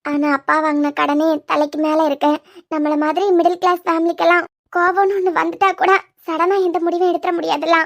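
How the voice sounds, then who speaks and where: A woman's voice: very high voice, little pitch movement, brisk, vocal fry. A woman voicing Pavi, a weary, worried young working woman in a cartoon series, speaking in a troubled way with a Kanyakumari Tamil accent. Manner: troubled, pleading. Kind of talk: cartoon web series voice acting.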